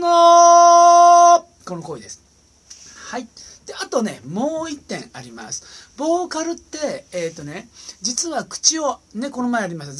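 A man's voice: high-pitched, a little hiss or hum. A man giving a casual singing lesson. He chats and demonstrates sustained sung vowels and humming, recorded on a smartphone. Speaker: vocal coach.

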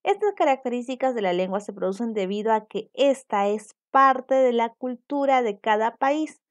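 A woman's voice: fairly high pitch, animated, normal speed. A young adult woman from Peru, teaching a virtual class and explaining points while checking in with her students. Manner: explanatory, asks students for confirmation.

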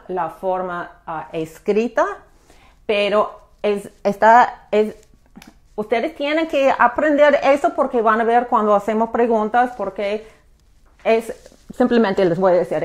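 A woman gives a live beginners' language lesson at a slow, unhurried pace. She explains patiently, often restarting and filling pauses as she goes. Her voice sits in a middle pitch. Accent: American English accent in the English words. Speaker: English teacher.

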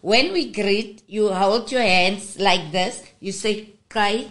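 A woman's voice: medium pitch, takes it slowly, fairly bright tone. A woman with a South African accent, a guest patiently teaching language on a radio show and spelling out letters. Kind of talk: radio interview lesson.

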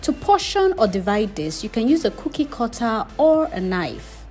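A woman's voice: fairly high pitch, big pitch swings, moderate pace, a little mellow, faint music behind. A woman hosting her cooking channel, giving friendly step-by-step instructions in a voice-over. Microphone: voice-over, not recorded on camera.

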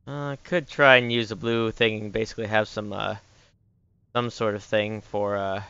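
A man's voice: on the low side, flat delivery, normal speed, bright, forceful tone, clean tone, dry recording, muffled recording. A man giving casual gameplay commentary, muttering and thinking aloud as he goes. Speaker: game streamer. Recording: faint background noise, clicking.

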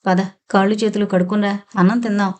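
A woman reading the part of a calm, affectionate elderly father in an audiobook story. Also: mid-range voice, quick pace, lightly acted. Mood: gentle. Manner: calm, gentle.

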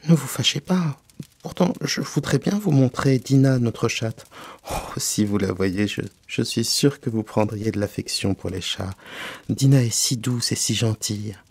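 A man's voice: medium pitch, animated, unhurried, creaky, a little mellow, slightly rough, no echo, heavily acted. A man voicing Alice, a polite, anxious young girl who chatters in a coaxing, apologetic way. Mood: cajoling.

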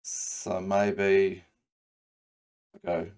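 Over a screen recording, a New Zealand CAD tutor walks through a design workflow in a low, fairly flat voice. Speaking very slowly and casually, he thinks out loud, filling his sentences with ums and unfinished restarts.

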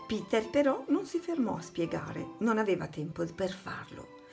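A woman narrating a children's storybook in an expressive read-aloud voice, leaning into the dramatic moments. Her pitch sits in an ordinary middle range. Faint music plays softly behind her. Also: moderate pace, vocal fry.

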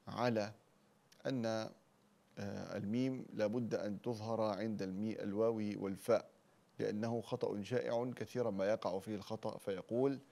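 Gravelly-voiced man teaching Quran recitation. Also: lowish voice, dark tone. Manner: slow, deliberate demonstrations of each word. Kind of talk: tajweed lesson with recited examples.

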